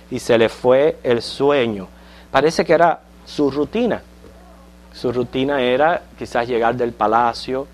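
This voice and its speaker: Man, Sunday school Bible teacher, chatty lesson style with frequent check-ins and light jokes, mid-pitched voice. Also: a little mellow. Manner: conversational, checks in with listeners with frequent questions; tells light jokes to the class.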